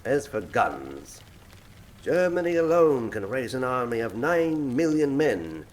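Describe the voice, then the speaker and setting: Grandiose villain professor, radio play, super animated, theatrical and full of himself. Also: male voice, mid-range voice. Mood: grandly lecturing. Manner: pompous, theatrical, eloquent, deliberate monologuing. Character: suave, grandiose male criminal mastermind professor, coolly menacing. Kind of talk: radio drama acting.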